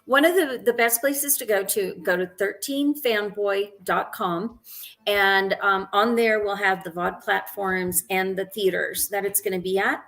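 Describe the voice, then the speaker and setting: A woman's voice: mid-range voice, steady tone, a little slow, fairly bright tone. A woman in her sixties, a guest on an interview show, talking casually with lots of ums and restarts. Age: 60s. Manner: chatty, frequent ums and restarts, laughs easily. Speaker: interview guest, actress and director.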